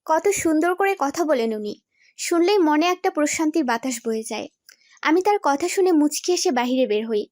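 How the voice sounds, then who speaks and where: High-voiced young woman narrating a story. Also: moderate pace, no room sound, clean studio sound. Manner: expressive, storytelling. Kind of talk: first-person story narration.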